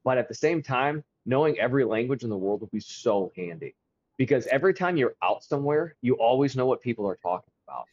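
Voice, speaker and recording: A man in his thirties co-hosting a podcast, talking casually, animated, stumbling over restarts and laughing often. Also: mid-range voice, fast talker, husky, dry recording, muffled recording. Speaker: podcast co-host. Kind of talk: casual chat.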